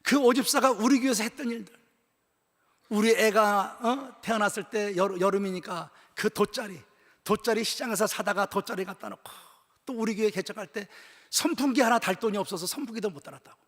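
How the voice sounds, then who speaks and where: An older man, a pastor, preaching a sermon at a church retreat, telling a story and moving between hushed, almost whispered passages and loud, shouted high points. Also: brisk. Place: church sanctuary. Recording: long reverb of a large church hall.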